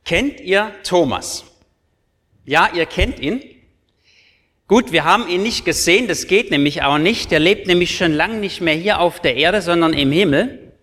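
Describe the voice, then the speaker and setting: A male pastor gives an earnest sermon, addressing his listeners directly with emphatic questions. His voice sits somewhat high for a man, and he speaks slowly and deliberately. The church hall lends a long, trailing reverb. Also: animated, fairly bright tone. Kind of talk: sermon to confirmands.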